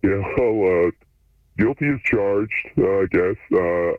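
A man speaking through a voice changer that shifts his voice deep, chatting in a laid-back, hesitant way as an anonymous radio guest. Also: a little slow, dry recording. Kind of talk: casual chat. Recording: phone-like line through a voice changer.

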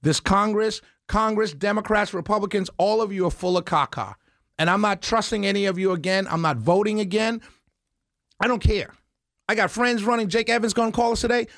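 Guy on talk radio, high voice, dry studio sound, all fired up and indignant. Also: a little fast, gravelly, no room sound. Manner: fiery, indignant, swings between loud outbursts and low mutters. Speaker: radio talk show host. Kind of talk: impassioned talk radio rant.

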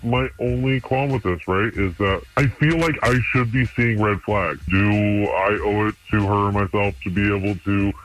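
Man with an electronically disguised deep voice. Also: a bit bright, poor audio. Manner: earnest, halting, with restarts. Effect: electronically disguised, deepened voice. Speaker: radio show caller. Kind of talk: casual phone-in confession.

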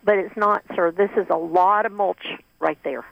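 A woman's voice: medium pitch, fairly even intonation, normal speed, gravelly, no room sound. A woman calling in to a radio show over the phone, polite and careful, explaining in detail and addressing the host as sir. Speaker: caller. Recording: muffled phone line on radio.

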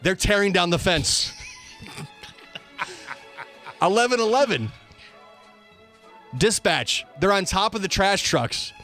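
Over a music bed, a male radio host reads quoted reports aloud in an emphatic, announcer-like manner. His voice is high, sing-song, and a bit bright, and he speaks slowly with long pauses.

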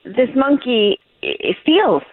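A woman's voice: high-pitched, lively intonation, takes it slowly, husky. Woman on a tinny phone line. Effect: heard over a phone line. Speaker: woman called on the phone by radio hosts. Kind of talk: phone conversation on a radio show.

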